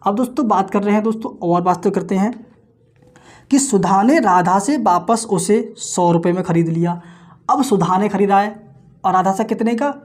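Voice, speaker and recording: A man teaching an exam-prep maths lecture, working sums aloud in quick times-table chants, addressing his viewers as friends in nearly every phrase, and asking questions that he answers himself. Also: high voice, a little mellow.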